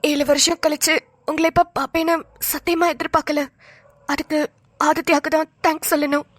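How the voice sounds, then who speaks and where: A woman voicing a wistful flat-voiced cartoon heroine. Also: high voice, fairly quick, dry recording, lightly acted. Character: sorrowful young woman hiding behind glasses. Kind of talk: cartoon voice acting.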